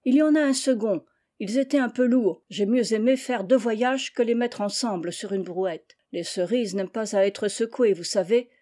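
A woman's voice: fairly high pitch, moderate pace, dark tone, natural voice. A woman voicing a courteous, plain-spoken older peasant man in a storybook reading. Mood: polite.

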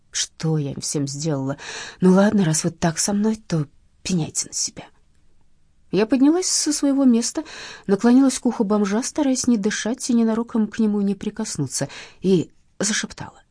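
A woman reading a first-person audiobook in a lively, expressive way. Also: lowish voice, husky, no room sound, studio quality. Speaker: audiobook reader.

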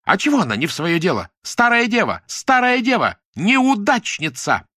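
A man reading an audiobook, voicing a vain, scornful young woman who shouts shrilly. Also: high-pitched, wildly swooping pitch, normal speed, no echo, studio quality, pitched above the performer's own voice, heavily acted. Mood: shrill, mocking.

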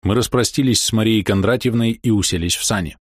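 A male audiobook narrator with a low voice and a measured, even delivery. The recording is dry and close, with no room sound. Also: breathy edge, dry recording. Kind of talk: scripted narration.

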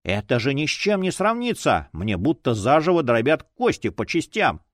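A man's voice: medium pitch, sing-song, dry recording, studio quality, lightly acted. A man voicing a whimpering male cult follower who whines in pain in an audiobook. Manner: whining, slow.

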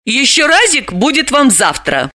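Narrator voicing a sharp, bold young woman. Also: high-pitched, big pitch swings, a little slow, no room sound, clean studio sound, pitched above the performer's own voice, heavily acted. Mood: indignant. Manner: emphatic, indignant. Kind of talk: audiobook character voice.

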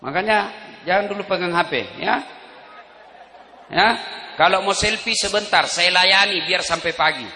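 Man, preacher, joking with crowd, very bright voice, echoey PA sound. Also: high voice, moderate pace, long pauses, slight background noise. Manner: joking, addresses the crowd directly. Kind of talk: Islamic sermon. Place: open-air field gathering.

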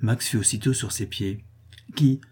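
A man reads a novel aloud in measured, expressive narration. His voice sits low, with a dark and slightly husky tone that gives the prose a soft grain. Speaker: audiobook reader.

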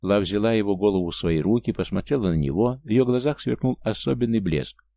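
A man narrating a science fiction novel as an audiobook, in a measured, even storytelling manner. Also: fairly low pitch, creaky, no echo.

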